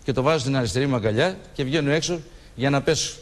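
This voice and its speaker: A sixty-something shipwreck survivor tells his story emotionally during a TV studio interview. He re-enacts remembered conversations in a mid-range voice with a big-room sound.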